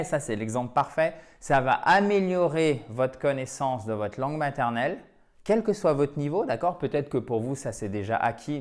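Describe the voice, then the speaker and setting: A man teaching English in French in a video lesson, lively and checking understanding with frequent "ok?". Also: medium pitch.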